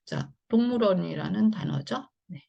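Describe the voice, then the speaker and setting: A woman with a low, gravelly voice teaches English phonics in an online lesson. She explains slowly and patiently, with lots of fillers. The recording sounds a bit dull and lo-fi. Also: lively intonation, dark tone. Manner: slow and patient, with many fillers.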